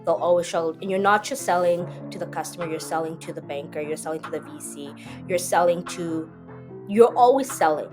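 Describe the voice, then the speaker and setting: A woman's voice: lowish voice, a little fast, over music. A woman in her thirties from South Africa, speaking as a podcast guest in a reflective, advising way. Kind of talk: conversational interview answers.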